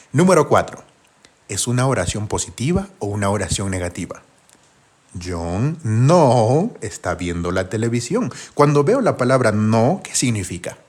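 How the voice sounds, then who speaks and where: A husky, lower-pitched man giving a live grammar lesson. He walks through each step by posing questions to his viewers and answering them himself, with a lively, rising and falling delivery. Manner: patient, step-by-step explaining. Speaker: English teacher.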